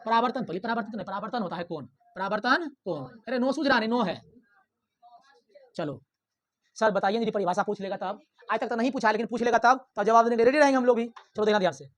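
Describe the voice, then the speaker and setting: A male classroom teacher, teaching physics to his students. He speaks loudly and drills the lesson hard. He keeps firing questions at the class and then answers them himself. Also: high-pitched, quick pace.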